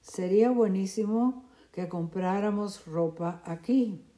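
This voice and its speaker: A woman voicing a calm, cheerful middle-aged mother who speaks soothingly, in a storybook reading. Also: mid-range voice, slow pace, lightly acted. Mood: reassuring. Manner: soothing, reassuring.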